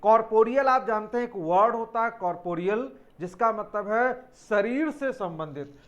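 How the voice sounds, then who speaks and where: In a high, animated voice at normal speed, a man teaches English spelling to students preparing for exams. He walks through each word step by step, spells them out letter by letter, and addresses his students as children.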